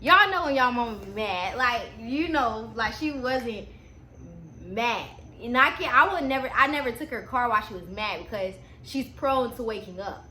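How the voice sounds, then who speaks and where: A woman's voice: on the high side, moderate pace. A young adult woman chatting casually in a slangy, easily sidetracked stoner manner as she tells a story. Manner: slangy, informal, animated asides. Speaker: storytime vlogger. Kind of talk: casual storytime chat to camera. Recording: echoey room with faint background noise.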